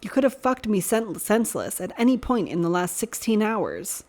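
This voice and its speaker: A woman's voice: medium pitch, very animated, normal speed, darkish tone, pitched above the performer's own voice. A woman voicing a teasing, blunt young man who talks frankly.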